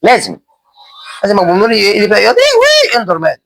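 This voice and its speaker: A man's voice: high-pitched, huge pitch swings, fast talker, vocal fry, fairly bright tone, no echo, rough recording. A young man with an Egyptian Arabic accent chatting casually as he plays, joking at himself and yelping when things go wrong. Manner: chatty, self-mocking, panicky yelps when attacked. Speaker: gaming channel host. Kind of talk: casual Minecraft let's play commentary.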